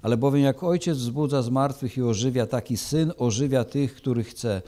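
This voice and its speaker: A man's voice: mid-range voice, moderate pace, mellow. A man preaching, reading a Bible passage aloud and then explaining it, with frequent hesitations.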